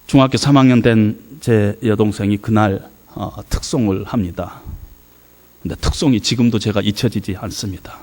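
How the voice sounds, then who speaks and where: A middle-aged man from South Korea preaching a revival sermon in a church, telling a family story with many hesitant fillers and sudden swings from hushed to loud. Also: lowish voice, normal speed. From South Korea, Yeosu area. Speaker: guest pastor. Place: church sanctuary.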